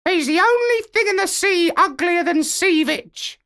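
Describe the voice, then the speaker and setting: Storybook gull: screeching, jeering, very high. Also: male voice, animated, measured pace, sharp tone, exaggerated voice. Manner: screaming, jeering. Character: shrieking rude burgomaster gull.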